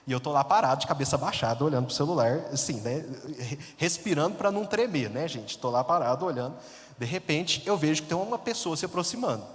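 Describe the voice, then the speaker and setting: A priest from the interior of Minas Gerais, with a Minas accent, telling a story in a sermon in a chatty, self-mocking way and laughing often. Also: male voice, fairly high pitch, lively intonation, fast. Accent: Minas Gerais Brazilian Portuguese. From interior of Minas Gerais, Brazil. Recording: long hall reverb.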